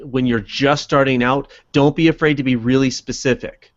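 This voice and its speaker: A man's voice: medium pitch, steady tone, moderate pace, dry recording. A man gives earnest advice as a guest on a live web show. He starts and restarts, with many fillers. The audio is dry and dull, as on a lo-fi video call. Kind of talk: casual advice chat.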